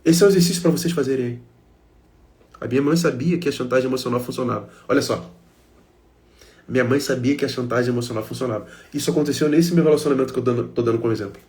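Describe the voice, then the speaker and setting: A man's voice: mid-range voice, fast talker, a little mellow. A man with a Brazilian Portuguese accent giving an emotional self-help talk, speaking emphatically to his listeners in short repeated phrases.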